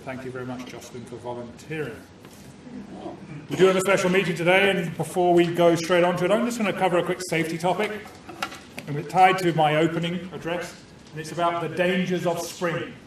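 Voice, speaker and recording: With a voice on the high side, a man who recently became a Canadian citizen kicks off a club meeting. He addresses the audience cheerfully, joking, bantering, and poking fun at himself before giving a safety talk. The mic is distant in an echoey meeting room, so the audio is noisy.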